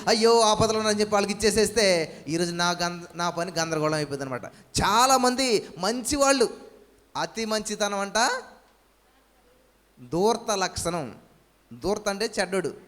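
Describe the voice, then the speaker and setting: Male pastor, high voice, fervent sermon delivery with constant rhetorical questions, recorded in a long-reverb hall. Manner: shouted commands when casting out.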